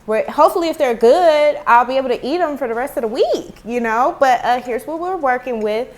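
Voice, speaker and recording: Chatty woman doing a food review vlog at home, kinda high voice, talks to y'all on earbud mic. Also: animated, a little fast. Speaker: food vlogger. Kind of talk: casual product review. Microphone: earbud headphone mic.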